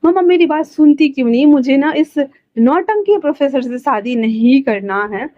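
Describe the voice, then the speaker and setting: A woman's voice: high voice, expressive, moderate pace, no room sound. A woman voicing an annoyed, shy young male student who protests petulantly, on a dull lo-fi recording. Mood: protesting.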